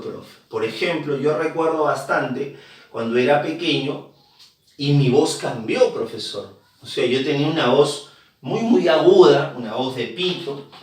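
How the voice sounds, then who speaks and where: A man's voice: medium pitch, lightly acted. A man voicing a curious young male student who earnestly questions his teacher. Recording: very echoey room, distant mic.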